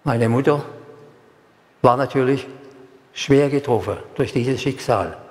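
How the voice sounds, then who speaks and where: A man's voice: medium pitch, darkish tone. Older man preaching in an echoey hall. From Germany. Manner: emphatic, repeats words and phrases; slow, solemn delivery. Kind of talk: sermon with personal testimony. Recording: echoey hall, long reverb.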